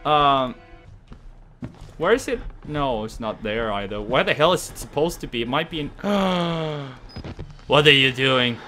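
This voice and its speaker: A man streaming a horror game, chatting and cursing, yelping and shouting when startled. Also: medium pitch, sing-song, unhurried, long pauses, soft background music. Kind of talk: gaming livestream commentary.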